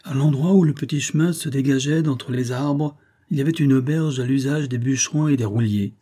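Audiobook narrator, male: husky, mellow low timbre, measured and steady. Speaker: audiobook reader. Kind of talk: scripted narration.

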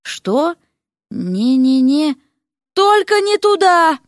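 A woman's voice: a little high, big pitch swings, normal speed, dry recording, studio quality, pitched above the performer's own voice. A woman doing Derek, a whiny young man. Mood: alarmed. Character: sleepy mischievous young man hiding.

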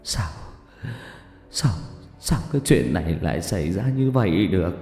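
A man's voice: fairly low pitch, big pitch swings, brisk, darkish tone. A man voicing a stingy, secretive old rich man who talks bluntly and stammers when shaken. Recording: echoey hall with faint music.

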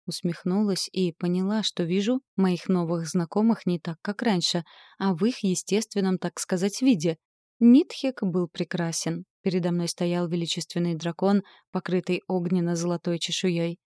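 Female audiobook narrator, low and mellow, expressive first-person fantasy read, dry close sound. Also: moderate pace, no room sound.

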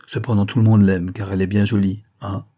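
A man's voice: on the low side, flat delivery, a little fast, warm tone, close to an everyday voice. A man voicing a cheeky, curious young apprentice printer who chatters and gossips in an audiobook reading. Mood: gossiping.

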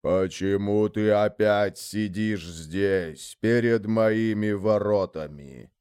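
A man voicing a giant male lord of the underworld, wrathful and scornful, who growls and thunders slowly in a storybook reading. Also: on the low side, a little mellow, clear, resonant tone.

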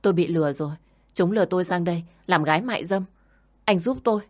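A woman's voice: fairly low pitch, quick pace, darkish tone, close to an everyday voice. A woman voicing a naive, polite young woman in her twenties who talks in a pleading way. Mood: desperate.

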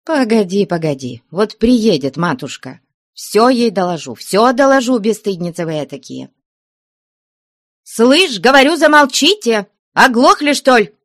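A woman voicing a good-natured older nun who scolds the convent girls in a high, indignant voice. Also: very animated, moderate pace, no room sound, clean studio sound. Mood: shouting. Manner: scolding, shrill, scandalized.

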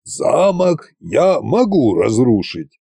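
A man voicing a gruff, commanding old undead tsar in an audiobook, speaking slowly in a gravelly, husky voice. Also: medium pitch, very animated, warm tone, no echo, studio quality, full character voice. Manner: slow, drawling delivery. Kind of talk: audiobook character voice.

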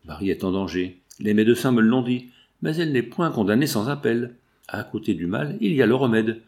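A man's voice: mid-range voice, expressive, brisk, a little mellow, close to an everyday voice. Man reading as a pleading rich father. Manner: pleading, then harsh and insistent. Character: anguished wealthy father, older industrialist, pleading.

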